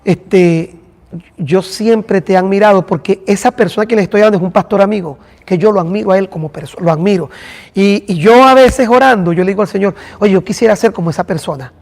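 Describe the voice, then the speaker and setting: A man's voice: sits high, a little fast, a little mellow, in a large hall. A man, a pastor teaching a church class and talking directly to listeners by name. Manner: addresses listeners by name, conversational.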